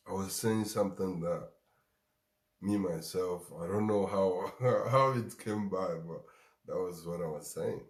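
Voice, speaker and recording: Deep-voiced Ghanaian man giving motivational talk. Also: reverberant. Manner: repeats lines for emphasis, chuckles. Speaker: show host.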